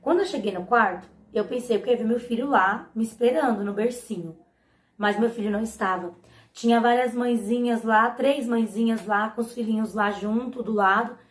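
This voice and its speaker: A young woman with a Brazilian Portuguese accent shares her personal testimony in a somewhat high voice, earnest and often turning to her viewers. The sound is echoey, as if recorded in a bare room. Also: brisk. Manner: earnest, often turns to the audience. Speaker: mother giving a faith testimony.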